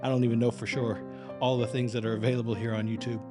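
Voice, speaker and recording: Man, average pitch, casual livestream host, halting, rambling, conversational, music in the background. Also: little pitch movement. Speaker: live-streaming reaction channel host. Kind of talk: casual unscripted livestream chat.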